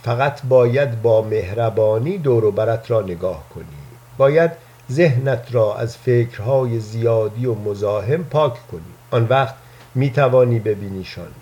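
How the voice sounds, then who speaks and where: A man doing a gentle, wondering old man. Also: mid-range voice, muffled recording, natural voice. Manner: soft, earnest, confiding. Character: gentle, playful old man who believes in angels. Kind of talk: storybook reading.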